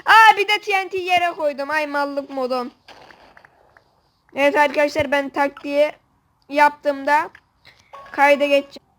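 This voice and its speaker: A woman commentating a video game with a friend, excitable and joking, swearing playfully. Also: sits high, a little slow, long pauses. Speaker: gamer host. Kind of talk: casual gameplay commentary.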